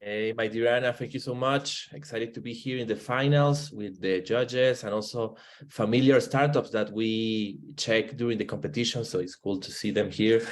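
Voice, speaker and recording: A man's voice: mid-range voice, fairly even intonation, moderate pace. A man, a venture partner, greeting the host in a friendly, casual way and introducing himself.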